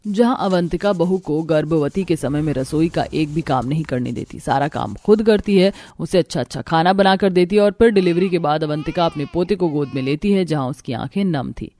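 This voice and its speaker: A woman's voice: low voice, a little fast, hardly any pauses, mellow. A woman giving scripted narration for a cartoon story.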